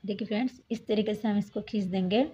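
A woman hosting a step-by-step knitting tutorial, calmly explaining each stitch and often addressing her viewers as friends. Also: mid-range voice, fast, a little hiss or hum. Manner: patient, repeats "look, friends" while demonstrating. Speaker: craft tutorial host.

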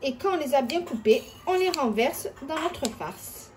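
In her home kitchen, a woman with a high-pitched, expressive voice chats her way through a cooking video at a measured pace, addressing viewers directly step by step. The background is noisy.

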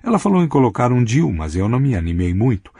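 A man's voice: mid-range voice, big pitch swings, fast talker, dark tone, husky, dry recording, clean studio sound. A male audiobook reader voicing a wisecracking grown man, a joker among old friends. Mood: joking. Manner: jokey, theatrical.

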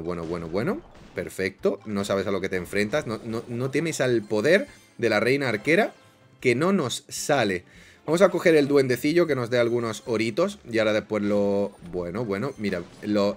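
A young man from Spain with a Spanish accent, giving excitable live gameplay commentary. He loves diminutives and often bursts into shouts. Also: on the low side. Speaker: gaming youtuber.

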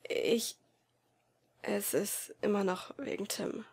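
A woman's voice: medium pitch, steady tone, slow, darkish tone, slightly rough, exaggerated voice. A woman voicing an anxious, shy teenage boy in an amateur audiobook reading, speaking in a hesitant, half-whispered way. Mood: timid.

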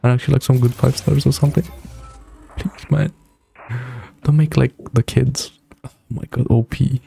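A young streamer in a small indoor room reacts to game trailers, giving laid-back, slangy commentary as trailer music plays. His mid-range voice is flat, creaky, dark and slightly rough, at normal speed.

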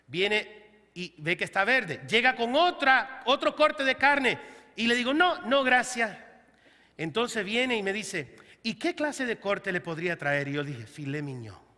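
A man's voice: high-pitched, expressive, measured pace, pushed and bright. A man preaching a sermon as pastor, telling humorous stories and acting out the voices of the people he quotes. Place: church hall. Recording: church hall reverb.

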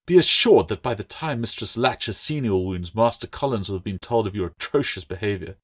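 A man's voice: medium pitch, huge pitch swings, brisk, pitched above the performer's own voice. A man reading an audiobook voices a harsh, strict middle-aged schoolmistress who snaps and scolds haughtily. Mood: scolding.

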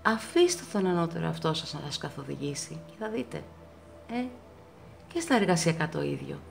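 A woman giving a pick-a-card tarot reading to her viewers, reassuring them and repeating words for emphasis, her pitch swinging up often. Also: animated, gravelly, slight background noise.

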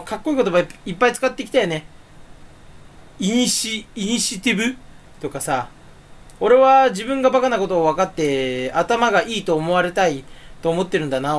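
Lively rambling man in casual chat. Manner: rambling, self-mocking, swings pitch up suddenly. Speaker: streamer.

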